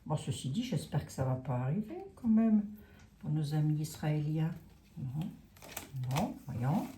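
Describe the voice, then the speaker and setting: A woman's voice: low-pitched, animated, measured pace, mellow, reverberant, slight background noise. A woman with a Lorraine French accent doing a casual tarot reading, musing aloud and hesitating with many fillers. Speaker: tarot reader.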